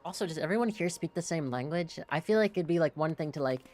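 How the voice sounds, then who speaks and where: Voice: medium pitch, animated, fast talker, darkish tone. A streamer giving casual gameplay commentary, rambling and swearing with lots of likes and self-corrections. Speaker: streamer playing a video game. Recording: game music in the background.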